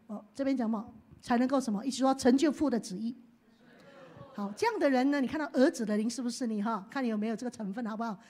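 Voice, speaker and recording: Woman pastor, high voice, sermon that swings from hushed to loud. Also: breathy edge. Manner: leads the congregation in call-and-response, swings from hushed to loud.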